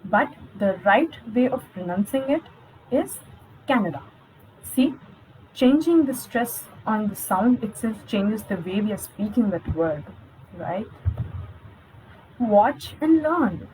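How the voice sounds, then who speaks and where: A woman's voice: medium pitch, dark tone, slight background noise, rough recording. A young woman, giving an encouraging online lesson as a spoken coach, speaking directly to her viewers. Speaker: spoken English skills coach.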